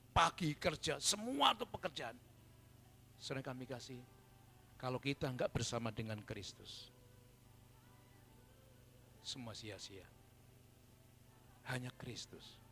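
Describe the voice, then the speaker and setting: A man preaching a sermon at a church service, dropping to soft murmurs and rising to loud fervent shouts. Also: medium pitch, unhurried, vocal fry, long pauses, slight background noise. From Indonesia. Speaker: pastor.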